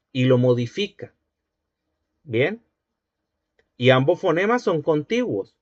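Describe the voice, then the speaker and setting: A man's voice: medium pitch, no room sound. Man teaching a phonology lecture. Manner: patient, repetitive, asks checking questions. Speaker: linguistics teacher. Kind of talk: university lecture. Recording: dry, dull lo-fi recording.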